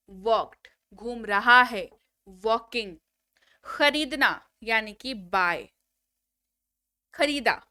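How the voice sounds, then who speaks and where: A woman's voice: on the high side, sharp tone, no echo, studio quality. A woman teaching a spoken English lesson, drilling word lists and prompting students to repeat after her.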